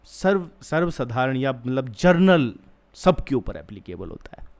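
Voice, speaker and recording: A man's voice: mid-range voice, very animated, a little slow. A young man giving opinion commentary in an earnest, argumentative way, stopping often with fillers and restarts. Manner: acts out soothing quoted voices. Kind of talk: opinion commentary on a news case.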